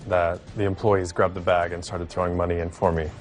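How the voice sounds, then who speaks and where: A young man in his twenties speaks in an interview about the past, calm and reflective. His voice is very deep and stays flat and even. Soft music sits faintly under him. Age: 20s. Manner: low, flat, measured, reflective. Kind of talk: interview recollection.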